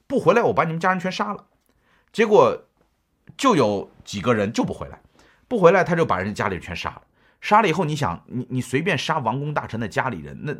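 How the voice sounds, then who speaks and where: Middle-aged male history lecturer, chatty storyteller with a husky voice and very lively intonation. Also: mid-range voice. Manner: chatty, asks the listener rhetorical questions.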